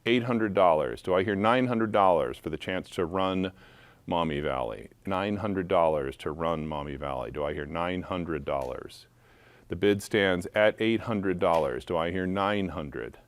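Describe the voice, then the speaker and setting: A man with a deep, low voice runs a benefit auction, calling bids and tossing in playful jokes as he goes. The sound is dry and close, with no room echo. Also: lively intonation, a little slow. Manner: playful, joking asides between bids. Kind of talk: live charity auction calling.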